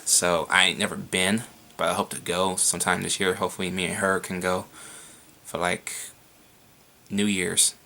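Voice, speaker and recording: A young man rambles through viewer questions in a casual home vlog. His voice sits low with a gravelly edge but a bright, forward tone, and he swears freely. A faint hiss hangs behind the camera mic. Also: little pitch movement, normal speed, pauses often. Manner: rambling, frequent swearing, laughs. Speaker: vlogger answering viewer questions.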